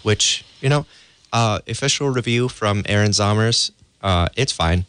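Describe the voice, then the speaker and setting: Man, radio producer, laid-back, smooth voice, dry studio. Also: measured pace, a bit bright, no echo. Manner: laid-back, low-key, understated. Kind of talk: casual chat. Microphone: studio microphone.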